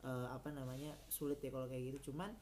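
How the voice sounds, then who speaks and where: A woman's voice: rumbling low, little pitch movement, quick pace, dark tone, a little hiss or hum. A woman co-hosting a casual chat, rambling with many fillers and restarts. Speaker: podcast co-host.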